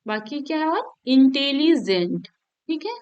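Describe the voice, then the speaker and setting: A woman teaching from an exam paper, explaining each step and checking in with her students as she goes, reading English examples out slowly. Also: high-pitched, lively intonation, a little mellow, muffled recording.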